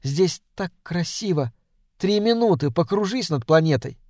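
A man voicing an eager little girl on a starship, speaking softly and pleading. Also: sits high, animated, measured pace, dry recording, studio quality, pitched above the performer's own voice.

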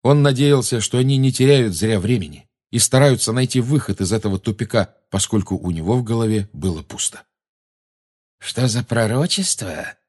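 Guy with a lowish voice reading a fantasy audiobook, steady and measured. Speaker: audiobook narrator. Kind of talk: dramatic audiobook narration.

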